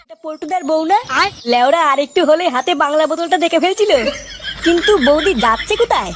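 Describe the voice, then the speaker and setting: A woman's voice: very high-pitched, animated, fast talker, a little hiss or hum. A woman voicing a brash young male village club lad who talks in crude, cheeky slang.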